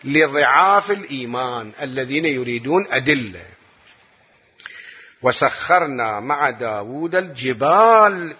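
A man's voice: medium pitch, husky. A man with an Iraqi Arabic accent giving a lesson explaining the Quran, asking rhetorical questions and answering them himself. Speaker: religious teacher. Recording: dull lo-fi recording.

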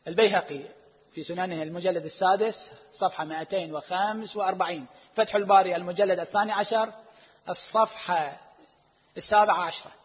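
A husky, fairly high-pitched man delivers a religious lecture with heavy emphasis, drawing out his stresses and dropping from forceful to hushed. The recording is dull and lo-fi, with a long reverb trailing off the hall walls. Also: fairly even intonation. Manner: emphatic, drawn-out stresses, swings between loud and hushed; rhetorical questions to the audience. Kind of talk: religious lecture citing sources.

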